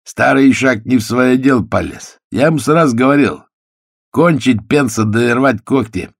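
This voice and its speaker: A man voicing a swaggering male criminal who talks in a hoarse, offhand, slangy drawl. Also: medium pitch, normal speed, no room sound, studio quality, pitched above the performer's own voice. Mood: mocking.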